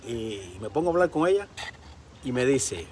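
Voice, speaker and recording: A man vlogging outdoors by a pool, telling a story in an animated, casual way and slipping into English. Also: medium pitch, normal speed, slight background noise.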